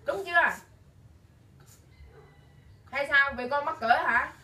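Stern high-voiced mother, echoey room. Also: slow, pushed and bright. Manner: stern, firing repeated questions. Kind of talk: scolding a child at home. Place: room at home. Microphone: camera held by someone else some distance away. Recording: echoey room from a distance, faint hiss.

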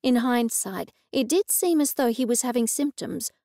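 A woman reads an audiobook in a gently expressive, scripted style. Her voice sits a little high for a woman, with a gravelly edge. The studio recording is close and dry. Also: moderate pace, no echo. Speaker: audiobook narrator.

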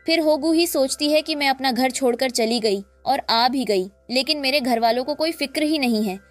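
A woman narrating a drama recap in a lively storytelling way, acting out the quoted lines. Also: sits high, moderate pace, faint music behind.

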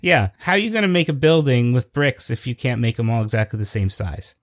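A man's voice: medium pitch, fairly quick, no echo, clean studio sound. Easygoing man co-hosting a podcast. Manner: easygoing, explanatory. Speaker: podcast co-host. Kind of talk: casual chat.

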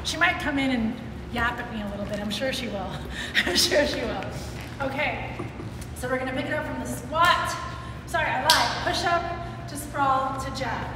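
A woman's voice: sits high, normal speed. A woman fitness trainer leading a home workout, giving upbeat coaching cues, counting down and cheering. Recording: echoey room with long reverb and noise.

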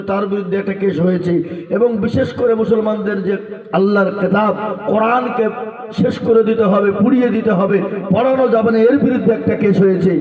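A high-pitched man delivers a sermon to a large gathering, joking and firing rhetorical questions at the crowd. He is picked up from far off in an echoey space with a long reverb tail. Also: a little mellow. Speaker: preacher who runs a madrasa. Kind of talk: sermon at an Islamic religious gathering.

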